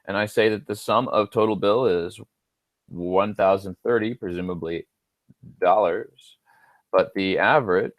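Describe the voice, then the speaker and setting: Male instructor, low voice, dry close sound, casual screen-recorded homework walkthrough, thinks aloud with offhand jokes. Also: dry recording.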